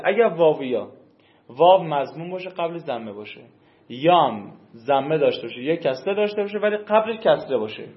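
A man teaching a class, stretching out key terms and checking that his students follow. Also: fairly high pitch. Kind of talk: classroom lesson on Arabic grammar rules. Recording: echoey, slightly dull room recording.

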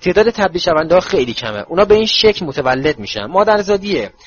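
A man's voice: high-pitched, sing-song, slightly rough, highs cut off, voice pushed up, exaggerated voice. A man voicing a cheerful, clumsy young witch who is bubbly and boastful. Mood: chatty.

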